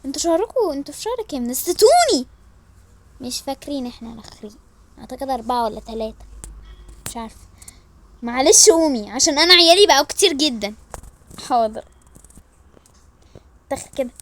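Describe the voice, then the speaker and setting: High-voiced Egyptian woman voicing a whole family. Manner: switching quickly between family character voices. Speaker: storyteller voicing all characters. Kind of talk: Toca Boca role-play storytelling.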